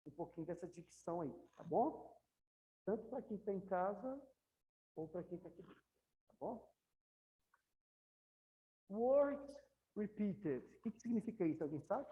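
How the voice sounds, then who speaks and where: A woman's voice: fairly low pitch, fairly quick, mellow. A woman with a Brazilian Portuguese accent teaching an English class in a classroom, chatty and often checking in with her students. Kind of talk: classroom lecture. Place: classroom, also streamed to students at home. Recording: dull lo-fi classroom recording.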